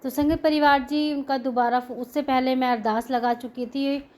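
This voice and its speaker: A woman's voice: sits high, fairly even intonation, moderate pace, a little mellow. A middle-aged woman, sharing an earnest devotional testimony with a prayer group. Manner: earnest, grateful, heartfelt storytelling.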